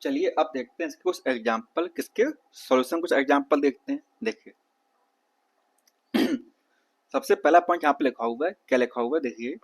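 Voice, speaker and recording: A man teaching a science lesson, asking questions and answering them himself, calling listeners "beta" and reading English lines slowly. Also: mid-range voice, lively intonation. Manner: calls listeners "beta", checks "theek hai na"; reads English text slowly, then explains in Hindi. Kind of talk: exam-prep science lesson.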